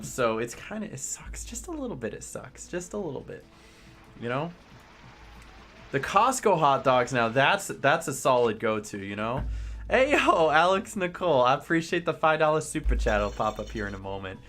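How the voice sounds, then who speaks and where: A young man streaming live, chatting casually to his viewers and rambling through exasperated complaints, with sudden high outbursts. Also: fairly bright tone.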